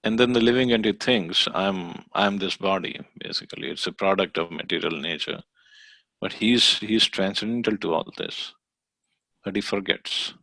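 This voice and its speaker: Male scripture teacher, low and gravelly, dry close sound, explaining with hesitations. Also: normal speed, pushed and bright, dry recording. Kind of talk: scripture study lecture.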